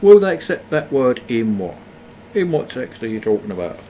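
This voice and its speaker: A man's voice: medium pitch, very animated, normal speed, warm tone, a little hiss or hum. A tired man, mocking the ads he watches during a late game stream. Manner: sarcastic, mocking. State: tired, yawning. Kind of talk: casual live-stream commentary on ads.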